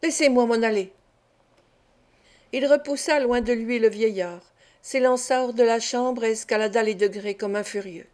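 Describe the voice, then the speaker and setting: A woman narrating a classic novel as an audiobook, in a steady, measured way. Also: on the high side. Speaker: audiobook reader.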